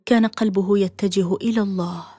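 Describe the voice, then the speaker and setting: A woman's voice: medium pitch, fairly even intonation, brisk, dark tone, breathy edge, no room sound. A solemn woman narrating a dramatic audiobook story, her voice often sinking to a near-whisper. It is recorded close and dry, with no room sound.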